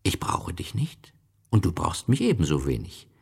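A man voicing a wise, gentle fox in an audiobook reading, explaining things patiently and with a wistful tone. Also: low-pitched, huge pitch swings, moderate pace, creaky, slightly rough, full character voice.

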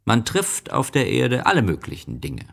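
A man voicing a wise, gentle fox in an audiobook reading, explaining things patiently and with a wistful tone. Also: medium pitch, wildly swooping pitch, moderate pace, vocal fry, pitched above the performer's own voice, full character voice.

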